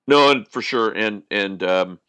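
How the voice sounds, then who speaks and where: A man with a lowish, bright, sharp-edged voice co-hosts a podcast, launching into animated, opinionated rants that stumble and restart. He is recorded close and dry, with no room echo. His talk is loose and conversational. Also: measured pace, clear, resonant tone. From Nova Scotia, Canada. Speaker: podcast co-host. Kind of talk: casual podcast chat.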